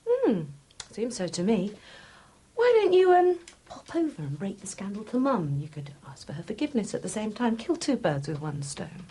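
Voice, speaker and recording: A plain-spoken, practical woman in a soap drama. Her voice is husky and moves freely up and down. She teases fondly in a natural, everyday delivery. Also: mid-range voice, very animated, normal speed, dark tone. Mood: gossipy, teasing.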